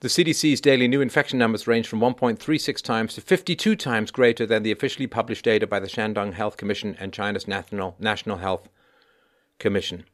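A man hosting a news commentary show, reading out reports with deliberate, emphatic phrasing. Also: on the low side. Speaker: online commentary show host.

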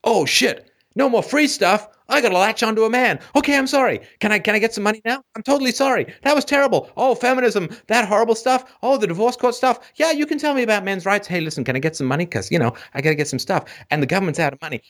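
A man's voice: sits high, fast talker, few pauses, fairly bright tone, voice pushed up. A man putting on a whiny begging woman's voice. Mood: mocking. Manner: simpering, mocking.

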